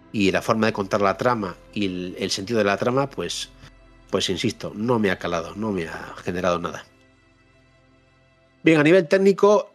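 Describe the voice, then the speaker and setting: A man hosting a podcast, giving a casual spoken review of a game and repeating points for emphasis. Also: fairly low pitch. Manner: repeats himself for emphasis, frequent fillers and tag questions.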